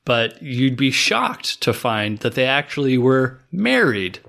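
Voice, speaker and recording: A man's voice: medium pitch, sing-song, slow pace, gravelly, fairly bright tone. A man in his thirties hosting a show, casually chatting and recapping clips. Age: 30s. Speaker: podcast host.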